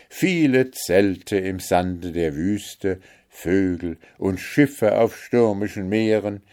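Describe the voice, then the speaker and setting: Male storybook narrator, low and slow, measured reading. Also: dark tone. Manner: measured, old-fashioned fairy-tale narration.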